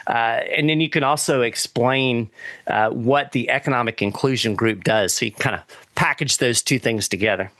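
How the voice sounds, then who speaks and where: A man's voice: medium pitch, moderate pace, a bit bright, dry recording. A man with a Kentucky Appalachian accent, hosting a casual interview. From Kentucky, United States. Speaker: show host, interviewer.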